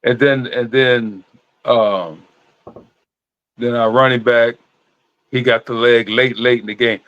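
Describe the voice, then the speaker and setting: A man co-hosting a sports podcast in casual chat, halting and often repeating his words as he goes. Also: mid-range voice, steady tone, no room sound, muffled recording. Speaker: sports podcast co-host and former player.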